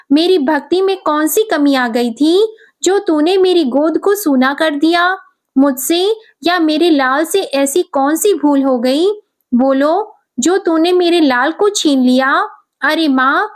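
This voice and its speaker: A woman reading the lines of a devout older mother who pleads with feeling. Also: high-pitched.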